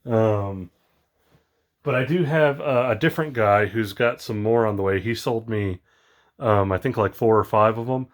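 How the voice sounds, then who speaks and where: A man vlogging casually about his toy collection, rambling with many ums, excited but tired and yawning late at night. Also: on the low side, normal speed. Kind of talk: casual unboxing vlog.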